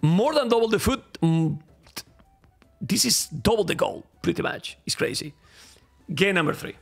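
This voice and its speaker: Casting a strategy game live from a home streaming room, this thirty-something man with a Spanish accent talks animatedly to chat and keeps repeating phrases. His voice sits high and moves at normal speed, though it's getting hoarse, with faint game music in the background.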